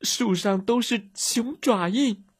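A man's voice: very high-pitched, slow, breathy edge, pitched above the performer's own voice, exaggerated voice. A man voicing a timid, easily frightened little chubby sidekick in a children's story, with shaky, panicky cries. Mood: dismayed.

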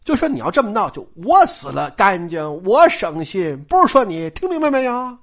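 A woman's voice: medium pitch, sing-song, normal speed. A woman voicing a flustered young man who stammers as he pleads and explains himself.

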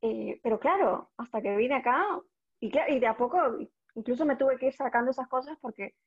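A woman's voice: on the high side, a little fast, breathy edge. A Salvadoran woman chatting casually as a guest, telling stories and acting out what people said. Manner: chatty, animated storytelling with quoted voices. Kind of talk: casual chat. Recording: dull lo-fi audio.

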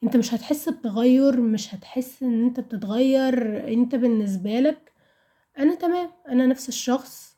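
A young woman around twenty speaks Arabic with an Egyptian accent. Her voice sits a little high, with a warm, relaxed tone. She talks like someone casually sharing personal reflections with listeners, candid and conversational, often putting questions to herself. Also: fairly quick. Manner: candid, conversational, asks rhetorical questions and answers them.

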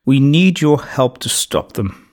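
A man voicing a wary, serious female woodland animal who speaks slowly and carefully. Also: medium pitch, animated, darkish tone, close to an everyday voice. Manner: slow, serious, measured.

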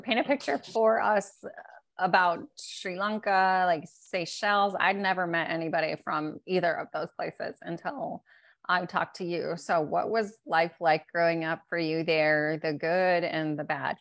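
A woman's voice: on the low side, normal speed, dry recording. A woman hosting a podcast, chatty and friendly, leaning on "like" as she talks. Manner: chatty, friendly, uses filler "like". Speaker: podcast host. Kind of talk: casual interview chat.

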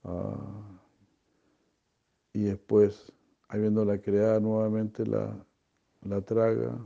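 Slow, gravelly man teaching scripture. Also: on the low side, completely flat delivery, muffled recording. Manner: halting, with many fillers and soft chuckles. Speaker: spiritual teacher. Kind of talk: scripture reading and class.

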